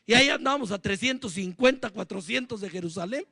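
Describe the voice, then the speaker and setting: A man's voice: sits high, lively intonation, fast, vocal fry, pushed and bright, dry recording, clean studio sound. A man preaching a sermon as pastor, emphatic and often asking the congregation questions.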